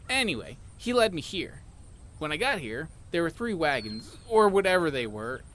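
A man's voice: a little high, fairly bright tone, slight background noise. A man playing a bewildered cowboy in an audio drama, flustered and strained as if hanging upside down.

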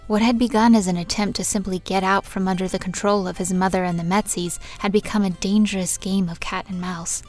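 A woman's voice: mid-range voice, steady tone, a little fast, hardly any pauses, darkish tone, soft background music, close to an everyday voice. A woman playing the storyteller of a space adventure in scripted audio drama narration. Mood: reflective.

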